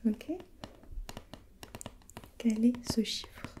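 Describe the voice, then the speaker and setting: A woman's slightly high voice stays level and very slow as she role-plays a gentle, patient preschool teacher. She whispers softly and breathily, repeating herself gently and encouraging the listener.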